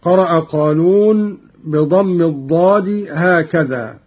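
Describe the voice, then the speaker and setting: A man with a high, husky voice gives a slow scholarly explanation of Quran recitation and stretches each verse into a drawn-out chant. The recording sounds dull and lo-fi.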